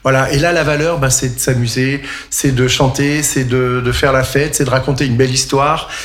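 A man, a singer, giving a radio interview about his musical, lively and emphatic. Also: mid-range voice, normal speed.

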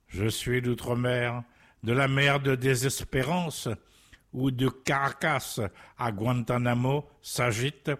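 Slow, incantatory man reciting poetry. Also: medium pitch. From Guadeloupe. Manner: incantatory, repeating refrains.

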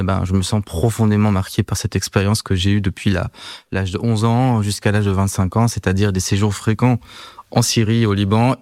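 A man's voice: on the low side, a little mellow, no echo, clean studio sound. A man in his thirties, born in France, speaking as a researcher guest in a podcast interview, hesitant with many fillers and restarts.

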